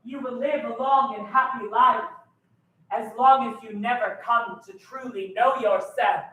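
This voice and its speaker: A man's voice: extremely high pitch, steady tone, a little slow, sharp tone, voice pushed down, exaggerated voice. A man voicing a powerful, demanding witch woman with a put-on accent and an imperious, cursing manner, heard live from a distance in an echoey room.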